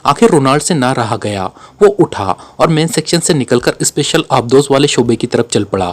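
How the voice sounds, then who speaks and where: A man narrating a spy novel aloud in a dramatic, expressive storytelling manner. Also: medium pitch, moderate pace.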